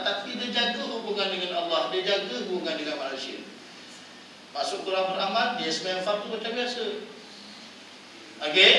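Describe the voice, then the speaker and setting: Echoey Malay preacher, high voice. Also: male voice, pushed and bright. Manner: playful, quizzes audience, acts out wives' voices. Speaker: religious lecturer. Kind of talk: lively mosque lecture. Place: mosque prayer hall. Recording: echoey hall, distant mic, noisy.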